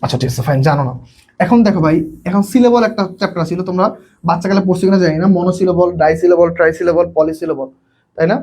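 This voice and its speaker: Fast high-voiced Bangladeshi male tutor. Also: a little mellow, slightly rough. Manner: quizzing students, repeats questions often. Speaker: online English tutor. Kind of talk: live online class.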